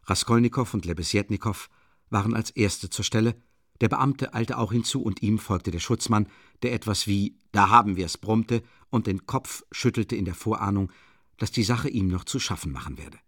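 A man narrates a novel in a measured, even storytelling manner. His voice sits low, and the recording is dry and close. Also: slightly rough, no room sound. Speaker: audiobook reader. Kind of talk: scripted narration.

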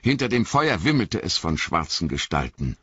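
A man reads a fantasy novel aloud in a measured, dramatic way. His low voice is bright but husky, and it moves a lot in pitch. The recording is dull and dry. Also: sing-song, no room sound. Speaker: audiobook narrator. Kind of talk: scripted fantasy narration.

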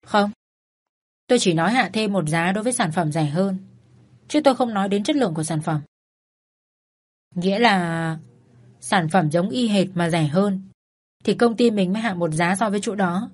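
A woman voicing a calm, patient husband who gently comforts his crying wife. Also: normal speed, long pauses. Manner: gentle, patient, low-key.

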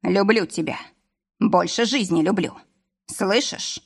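A woman reading an audiobook, voicing a drunk, jealous but loving husband who talks bluntly and roughly. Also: mid-range voice, slow pace, full character voice. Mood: earnest. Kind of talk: audiobook character voice.

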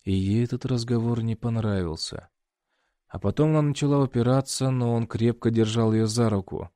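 A man narrating a first-person fiction audiobook in a steady storytelling read. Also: medium pitch, normal speed, no echo, studio quality.

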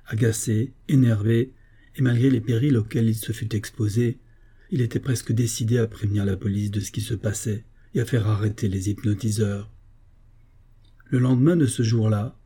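A man narrating an audiobook in a steady, measured reading voice. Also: fairly low pitch, breathy edge.

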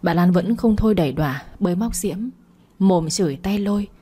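A woman narrates a scripted family drama in a steady, dramatic manner. Her voice is low and husky with a dark, mellow tone. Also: brisk.

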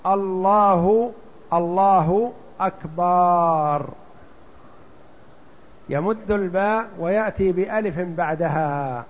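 An older man explaining a religious text, slowly and deliberately, asking rhetorical questions. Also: high voice. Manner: slow, deliberate, drawn-out examples, rhetorical questions. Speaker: sheikh teaching a fiqh text. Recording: dull lo-fi lecture recording.

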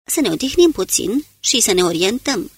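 A woman voicing a calm commanding soldier. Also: husky, dry recording. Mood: steady. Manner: terse low-voiced orders. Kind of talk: audiobook character reading.

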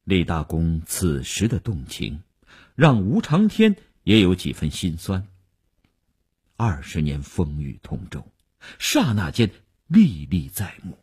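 A man narrating a novel in a measured, dramatic storytelling manner. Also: sits low, huge pitch swings, darkish tone, slightly rough. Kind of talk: audiobook narration.

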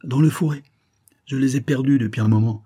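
A male narrator voicing a grumpy, evasive young poacher in an audiobook, higher than his own voice. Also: brisk, dark tone, close to an everyday voice. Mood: surly.

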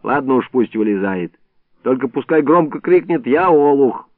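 Man playing a gruff old villager, shouting threats, lively pitch, tinny phone-like sound. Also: normal speed, dry recording, close to an everyday voice. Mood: mocking. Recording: tinny phone-like band, dry.

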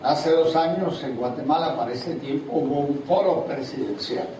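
An older man with a fairly high, mellow voice preaches a sermon at a church seminar, speaking at a moderate pace and putting questions to the congregation as he goes. He is recorded from far off in a large, echoey hall, with audible noise.

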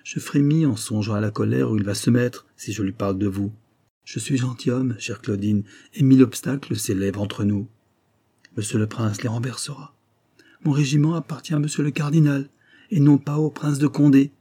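A man's voice: medium pitch, fairly even intonation, normal speed, dark tone, husky. A man voicing an ardent young male lieutenant who pleads eagerly and turns furious. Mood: pleading. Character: ardent young male lieutenant, smooth-talking then violent. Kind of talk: audiobook character voice.

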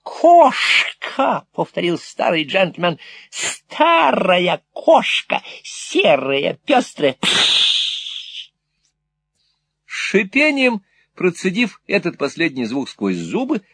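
A man narrating a classic novel in an expressive, theatrical storytelling way. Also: lowish voice, slightly rough, no room sound. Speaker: audiobook narrator.

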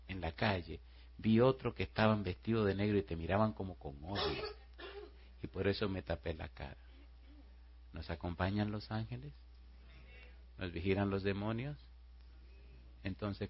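Low-voiced man preaching a sermon. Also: husky, highs cut off. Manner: storytelling preacher, quiet retelling then loud rhetorical questions. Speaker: pastor.

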